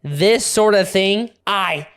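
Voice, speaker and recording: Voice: mid-range voice, slow, a bit bright, clear, resonant tone. A reaction video host giving casual commentary who exclaims and laughs in disbelief.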